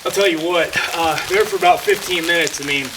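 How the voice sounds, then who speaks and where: A man's voice: fairly high pitch, fairly quick. A man sheltering in a cave, telling a hiking story to camera with lots of fillers, his voice echoing off the rock. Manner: rambling, heavy on fillers. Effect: cave echo. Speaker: hiker filming a vlog. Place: shallow cave in the woods, sheltering from a thunderstorm. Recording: echoey cave, distant mic, loud rain noise. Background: heavy rain.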